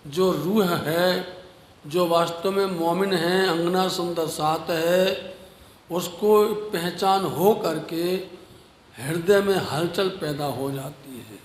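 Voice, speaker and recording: A man giving a devotional sermon, earnest and slow, rising at times to emphatic exhortation. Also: fairly high pitch, slight background noise. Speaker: preacher. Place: ashram hall. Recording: echoey hall with long reverb.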